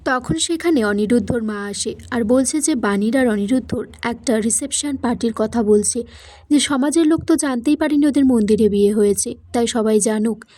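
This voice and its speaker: A woman reading a plot recap of a TV serial episode, telling the story in a steady way and voicing the quoted lines in the same voice. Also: on the high side, moderate pace, dry recording.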